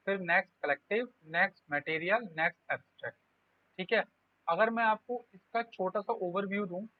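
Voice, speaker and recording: A man's voice: sits high, dry recording. A man teaching an exam-prep grammar lesson, explaining step by step and voicing his students' questions. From India. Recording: tinny phone-like audio, dry.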